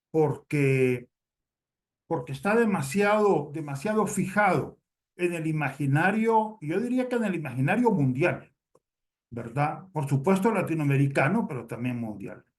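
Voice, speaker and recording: Hesitant man with a higher voice. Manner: hesitant, repeats words, explanatory. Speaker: audience member commenting. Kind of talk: spoken comment in a seminar Q&A.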